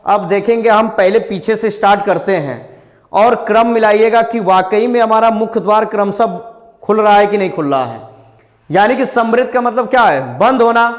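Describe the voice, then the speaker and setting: Male coaching teacher, high voice, classroom drill delivery, long room reverb. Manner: asks questions and answers them himself, drills vowels aloud. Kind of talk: classroom lesson on vowel pronunciation.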